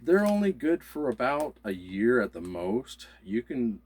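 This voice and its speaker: A man's voice: medium pitch, sing-song, measured pace, a little mellow, breathy edge. A man co-hosting a casual prepping video, explaining supplies in an easygoing, step-by-step way. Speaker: co-host of a prepping channel. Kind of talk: casual demonstration chat.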